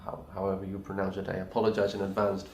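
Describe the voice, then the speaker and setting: This non-native English-speaking pianist answers a video challenge from an echoey room, restarting and apologizing throughout a thoughtful, hesitant reply. His low voice is a little mellow and completely flat in delivery, and he talks fast.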